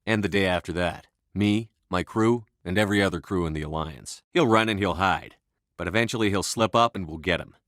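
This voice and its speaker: A man playing a resolute human military commander in a space opera video game, speaking in a measured, authoritative, matter-of-fact way. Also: sits low, a bit bright, dry recording, studio quality. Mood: grave, resolute.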